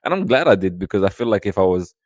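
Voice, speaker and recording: A Sudanese man in his thirties, a podcast guest, tells childhood stories in a casual, rambling conversation full of "you know." His low voice swings widely in pitch and moves fast, captured in clean studio sound with no echo.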